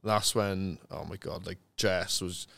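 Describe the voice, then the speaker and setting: A man's voice: low-pitched, fairly even intonation, measured pace, creaky, fairly bright tone. A man with a South Welsh accent chatting casually and candidly as a podcast guest, telling stories in an informal, sweary, matter-of-fact way. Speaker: interview guest, retired rugby player.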